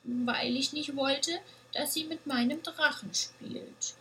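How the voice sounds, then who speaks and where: A small, emotional young goat girl speaks in a squeaky, childlike voice that pleads and wobbles. Her lines come slowly, as a woman reading aloud puts her on, in a storybook manner. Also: steady tone, pushed and bright, slight background noise, exaggerated voice. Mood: sheepish.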